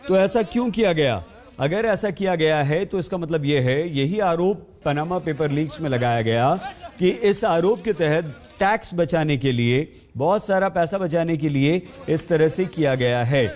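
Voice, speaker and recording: A male news anchor presenting a live breaking story in an urgent, insistent way. His voice sits a little high for a man, and he keeps restating the main facts to fill the air. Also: expressive, a little slow, a little mellow. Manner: urgent, repeats key points while filling air time.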